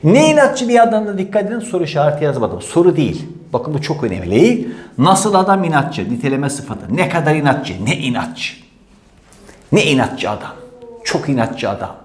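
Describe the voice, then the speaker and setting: Animated male teacher in an echoey room. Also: fairly high pitch, normal speed. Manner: emphatic, repeats key rules, acts out student questions. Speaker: Turkish grammar teacher. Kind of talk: animated exam-prep lesson.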